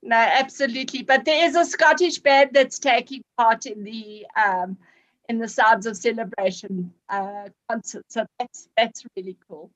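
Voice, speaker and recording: A woman's voice: fairly high pitch, normal speed, poor audio. A woman guest in a casual chat, friendly and brief in her replies.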